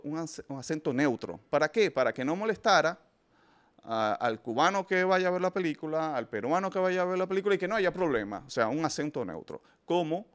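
Emphatic, slightly high-voiced male host. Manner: emphatic, addresses listeners directly, frequent restarts. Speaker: film review show host. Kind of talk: opinionated casual commentary.

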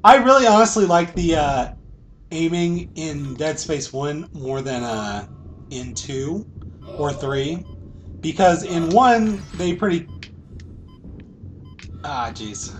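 Higher-voiced man commentating on a game. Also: expressive, takes it slowly, pauses often, slight background noise. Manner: frequent swearing. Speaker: gamer commentating on own playthrough. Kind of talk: casual gameplay commentary.

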